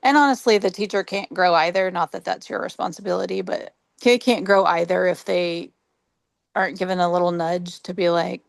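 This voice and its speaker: A woman talking as a trainee counselor in a supportive, encouraging therapist-like manner, casual and reflective, with a creaky voice. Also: fairly low pitch, steady tone, a little fast, dry recording, clean studio sound. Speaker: trainee counselor in a practice role play. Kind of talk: casual, reflective discussion and counseling role play.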